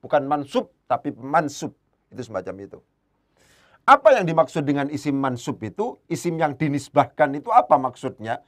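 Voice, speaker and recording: A man giving an evening Arabic grammar lesson, patiently explaining and repeating key terms, his voice lifting whenever he stresses a point. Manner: rises in pitch and volume when driving a point home.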